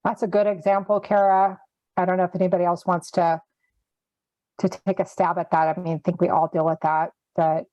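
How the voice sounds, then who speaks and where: A woman's voice: on the low side, level tone, brisk, dark tone. A woman leading a group coaching call and encouraging the others in an earnest way. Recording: dry, dull lo-fi audio.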